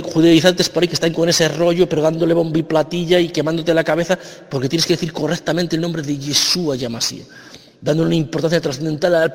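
A man's voice: fairly high pitch, creaky, long reverb tail. A man with a Spain Spanish accent, arguing insistently and repeating his points in a heated religious debate. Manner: argumentative, insistent, repeats himself. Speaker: debate participant.

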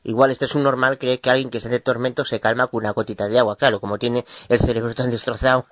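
A man's voice: medium pitch, little pitch movement, quick pace, fairly bright tone, dry recording. Mocking man, dry close sound. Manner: mocking, insulting, stumbles over words. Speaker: host of a religious debate channel. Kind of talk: mocking commentary on video clips.

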